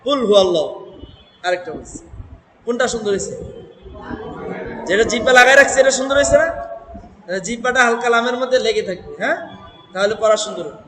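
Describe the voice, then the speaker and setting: A man's voice: very high voice, roomy sound, big-room sound. A man teaching Quran recitation one-on-one, patiently drilling a student letter by letter.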